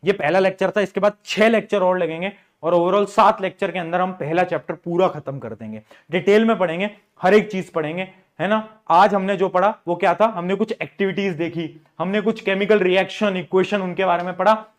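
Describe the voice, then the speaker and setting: A high-pitched male teacher running a live online class. He talks in a chatty, repetitive way, mixing English words into his sentences. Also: a little fast, hardly any pauses. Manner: chatty, repeats phrases, mixes English into Hindi.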